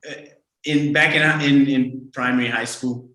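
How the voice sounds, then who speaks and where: Rambling podcast host in an echoey room. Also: male voice, medium pitch, steady tone, fairly bright tone. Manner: rambling, halting, lots of fillers. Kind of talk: podcast interview. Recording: roomy echo.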